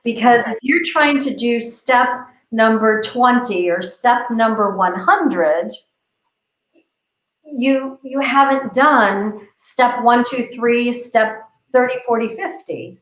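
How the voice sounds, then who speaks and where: An American woman co-hosts a casual discussion, speaking slowly in a fairly high, fairly bright voice. She talks earnestly and repeats phrases as she builds her point. The video call audio is lo-fi, roomy and dull.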